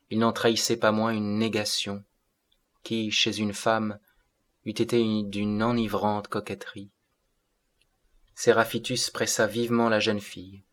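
A man narrating a classic novel as an audiobook in a measured way. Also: on the low side, fairly bright tone.

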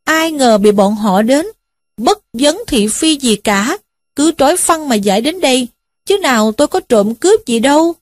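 A woman's voice: high-pitched, lively intonation, normal speed, a little mellow, dry recording, clean studio sound. A woman voicing a burly young man caught as a thief, pleading in a raised, wailing voice.

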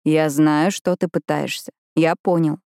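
A woman's voice: sits low, fairly even intonation, measured pace, creaky, darkish tone, no echo. A woman reading the part of a teasing, tender young man in an audiobook, with a close, dry sound. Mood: gentle.

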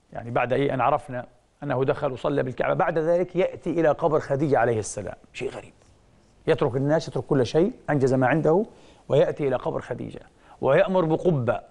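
A man giving a religious lecture, telling stories with sudden rises and hushed drops, asking questions he answers himself and often saying "aah". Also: a little high. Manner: punctuates with frequent "aah". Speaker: preacher.

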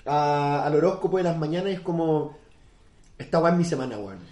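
A young Chilean man co-hosting a podcast in casual chat, joking and full of quick interjections. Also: fairly high pitch, dark tone. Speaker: podcast co-host. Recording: roomy echo.

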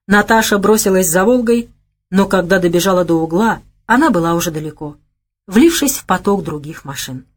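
A female narrator reading a crime thriller audiobook in scripted narration. Her delivery is measured and even, telling the action steadily. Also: fairly low pitch.

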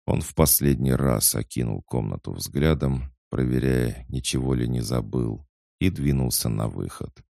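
A man narrates an audiobook in a steady, even reading. His voice is extremely deep, with a gravelly fry running under the words. The sound is dry and close, with no room echo. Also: a little slow. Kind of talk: scripted narration.

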